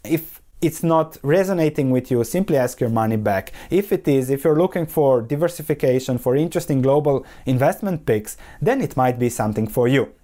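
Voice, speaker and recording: A man hosts a solo investing podcast, his showing through his English. His voice is mellow and dark, sitting at an average pitch. He reasons analytically and often asks himself a question before he answers it. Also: animated, fairly quick, few pauses. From Croatia. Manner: analytical, poses rhetorical questions and answers them. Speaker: podcast host.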